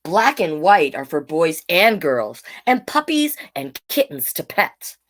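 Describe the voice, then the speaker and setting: A woman with a lowish voice hosts a children's storytime, reading picture books slowly and very animatedly. She is playful and encouraging, breaking off for chatty asides directly to young viewers.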